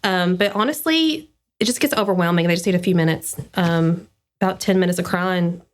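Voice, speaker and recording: Guest, female, wedding planner, chatty and easygoing, slightly low voice. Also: a little fast. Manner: chatty, many fillers, laughs easily. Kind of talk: casual interview talk.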